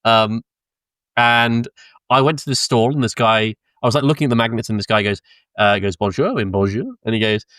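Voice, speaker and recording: He's a chatty British podcast co-host telling travel stories, a rambling storyteller who swears, laughs mid-sentence and ums a lot. His medium-pitched voice holds a steady tone, smooth and a bit bright, at a fairly quick pace. The sound is clean studio audio, dry from a close mic with no room sound.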